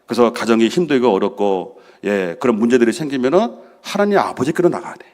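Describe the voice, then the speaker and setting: A man's voice: mid-range voice, lively intonation, fast. A middle-aged man preaching a sermon as senior pastor, asking the congregation questions and answering them himself. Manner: drops to a soft hush for prayers he acts out.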